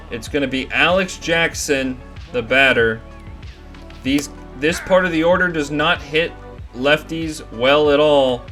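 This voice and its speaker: A young man giving play-by-play commentary over a baseball video game, getting excited on big plays. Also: fairly high pitch. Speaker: gaming commentator. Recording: faint music behind.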